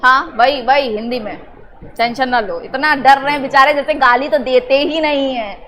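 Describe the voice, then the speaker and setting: A woman teacher drilling a class on family words, teasing and prodding students to answer loudly. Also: high voice, fairly even intonation, moderate pace, slight background noise. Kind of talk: classroom lesson.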